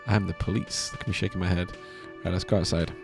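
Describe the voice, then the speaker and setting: A man's voice: low-pitched, steady tone, fast talker, gravelly. A man casually playing a video game, reading his dialogue choices aloud with a playful, joking manner. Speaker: gameplay streamer. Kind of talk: casual let's-play commentary. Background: game music.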